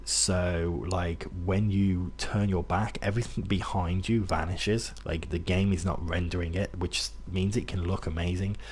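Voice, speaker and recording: A young man from near Birmingham, England, with a loosely mixed British accent that isn't Brummie, rambles casually to his chat while gaming, full of fillers and restarts. His voice sits low and a little mellow with a breathy edge, and his steady tone moves a touch slowly with hardly any pauses.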